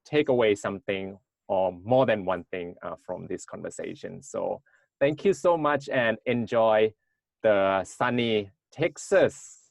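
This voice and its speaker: A man hosting a casual interview, softly thanking his guests with halting pauses. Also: fairly low pitch, expressive, vocal fry, no echo. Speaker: podcast host.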